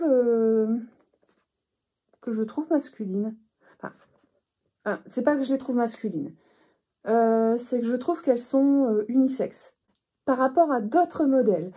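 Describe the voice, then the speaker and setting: A middle-aged woman from northern France hosts a knitting podcast, chatting casually to camera with frequent hesitations and restarts. Her voice is a little high, dark and husky.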